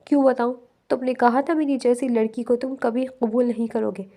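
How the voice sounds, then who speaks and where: Proud, sharp-tongued heartbroken young woman, read by a woman in a romance audiobook. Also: fairly high pitch, fairly even intonation, close to an everyday voice. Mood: hurt.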